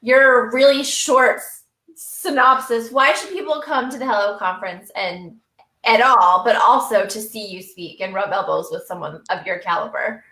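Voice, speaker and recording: A woman hosts a live web show and steers the interview in an upbeat way. Her voice is bright and a little high-pitched. An echoey room surrounds it. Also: moderate pace. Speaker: host.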